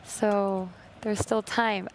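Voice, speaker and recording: A woman's voice: mid-range voice, little pitch movement, drawn-out words. A woman co-hosting a live football show, chatting and laughing easily. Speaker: co-host. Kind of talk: live match chat.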